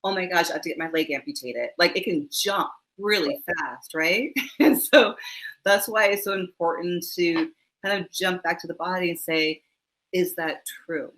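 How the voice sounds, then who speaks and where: A middle-aged mindfulness teacher answers interview questions over a video call, adding warm, laughing asides and acting out the voices she quotes. Her voice sits on the low side at a moderate pace, and the recording is rough.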